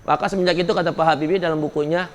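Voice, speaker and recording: A man with a slightly high voice and steady tone races through a sermon at a religious study gathering. He turns to the men in the audience with casual, colloquial asides, and his voice rises sharply when he scolds.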